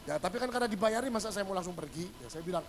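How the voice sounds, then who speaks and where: A male pastor giving a humorous sermon, telling stories and acting out the dialogue, swinging between loud bursts and hushed asides. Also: high voice, expressive, rapid-fire, low-quality recording.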